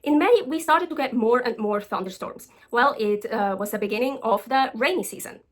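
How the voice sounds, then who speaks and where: A woman's voice: a little high, normal speed, a little hiss or hum. A woman from Switzerland telling casual stories to camera as a vlogger, chatty with many ums and restarts. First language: Swiss German.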